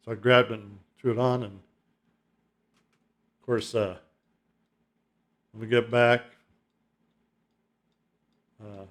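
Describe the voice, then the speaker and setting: A man's voice: fairly low pitch, fairly even intonation, very slow, long pauses, a bit bright. A middle-aged man hosting his own album-ranking video, talking in a loose, rambling way with fillers and chuckles. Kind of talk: casual rambling monologue.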